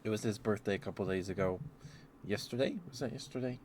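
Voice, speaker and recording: A man's voice: on the low side, quick pace, slight background noise. A man chatting in a meandering, casual way as he hosts an ASMR livestream. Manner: meandering, often chuckling to himself. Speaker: ASMR streamer, host. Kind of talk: rambling ASMR livestream chat.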